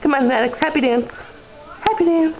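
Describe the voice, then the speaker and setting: A woman's voice: sits high, moderate pace. A mother filming her children at home, talking to them in a playful, sing-song way, heard through an old camcorder's built-in mic. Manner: playful, sing-song talk to babies and toddlers. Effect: old camcorder audio. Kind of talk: home video chat. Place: living room at home. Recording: muffled noisy old camcorder audio.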